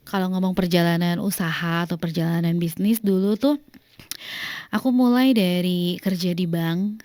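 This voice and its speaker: A woman from West Java, a business owner, calmly telling her story as a guest in a radio studio interview. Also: lowish voice, no echo. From Indonesia, West Java.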